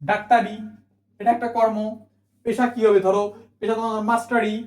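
A teacher works through spelling rules for exam students, repeating each point and answering their own questions. The voice sits at a middling pitch and rings in an echoey room. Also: level tone, fairly quick. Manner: mixes English words into the talk. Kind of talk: admission exam spelling lesson.

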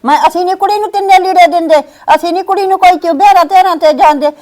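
A woman's voice: very high voice, steady tone, fast talker, darkish tone. A woman playing a grumbling old village mother. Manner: complaining, grumbling. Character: quarrelsome old village mother, feuding with daughter-in-law. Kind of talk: family drama acting.

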